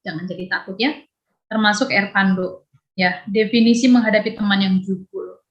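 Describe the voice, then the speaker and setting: A woman, teaching a youth Bible lesson over a video call. She chats lively, laughs often and acts out dialogue. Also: mid-range voice, normal speed, highs cut off.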